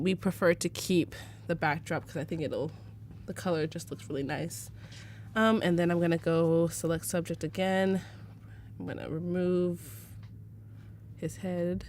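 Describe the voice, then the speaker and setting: With slight background noise, a woman of fairly low pitch leads a laid-back live tutorial on photo editing. This young American from Arizona is talkative, quick to laugh, and sprinkles in many fillers.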